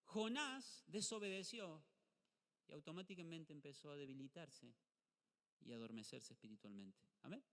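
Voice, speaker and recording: A middle-aged male pastor with an Argentine Spanish accent, preaching a lively sermon and asking the congregation rhetorical questions. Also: fairly high pitch, normal speed. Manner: animated, acts out short dialogues, rhetorical questions to the congregation. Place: church hall. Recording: live church stream with long hall reverb.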